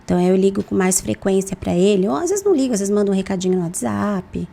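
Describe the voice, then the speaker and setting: A woman with a Brazilian Portuguese accent, a guest in a podcast interview, talking animatedly with lively, expressive intonation. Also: mid-range voice, fast talker, gravelly. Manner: animated, lively intonation, acts out phone calls in voices. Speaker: guest, insurance broker.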